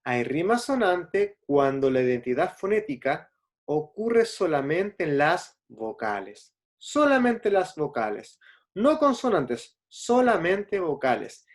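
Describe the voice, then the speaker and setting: A man's voice: fairly high pitch, sing-song, slow pace. A man teaching a class, patiently checking in with his listeners and spelling out letters and syllables. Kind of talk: classroom explanation.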